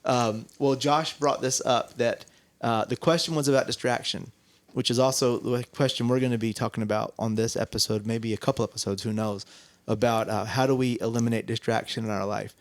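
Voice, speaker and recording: A man's voice: medium pitch, steady tone, brisk, no echo. A man co-hosting a casual church podcast, telling stories in a rambling, self-correcting way. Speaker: co-host.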